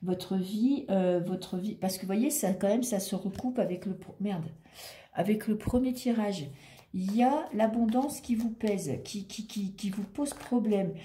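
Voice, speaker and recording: Unhurried and mellow, a medium-pitched female tarot reader speaks in a reverberant space with slight background noise. Her casual monologue is chatty and reassuring as she thinks aloud over each card she turns.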